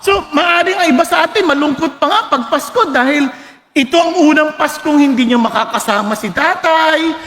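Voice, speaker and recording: A man preaching an animated sermon, mixing in English and shouting scripture for emphasis. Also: very high voice, moderate pace, roomy sound, big-room sound.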